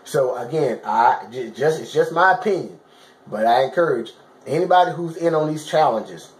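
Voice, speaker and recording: A man's voice: medium pitch, animated, normal speed. A man giving casual motivational fitness advice to camera in colloquial, informal phrasing, emphatic and repetitive, often checking that listeners understand. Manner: emphatic, repetitive coaching with frequent check-in questions. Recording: roomy, echoing sound.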